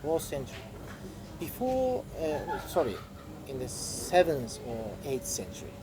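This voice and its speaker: A man with an Azerbaijani accent talking as a podcast guest, halting and repeating words for emphasis in a conversational way. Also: a little high, sing-song. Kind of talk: conversational interview storytelling. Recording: clear background vehicle-like noise.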